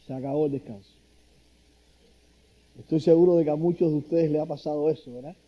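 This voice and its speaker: A man's voice: a little high, brisk, highs cut off. A middle-aged man from Cuba preaching a sermon, telling stories and acting out quoted lines with a raised voice. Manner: storytelling, animated, acts out quotes in a raised voice. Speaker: pastor.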